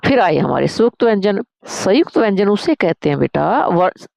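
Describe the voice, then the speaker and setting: A woman's voice: mid-range voice, very animated, normal speed, gravelly, a little mellow, no room sound. A woman Sanskrit teacher, teaching a grammar lesson, calling her students "beta" and answering her own questions.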